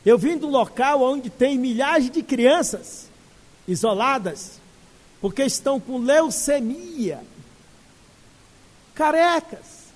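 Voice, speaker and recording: A bright, tender old lady speaks with warmth and playful cheer, as a male speaker acts her out. Her voice climbs high and swings widely. Long hall reverb trails behind her. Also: animated, takes it slowly, long pauses, exaggerated voice. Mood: cheerful, consoling. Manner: warm, consoling, playful. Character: cheerful, tender elderly woman on a bus.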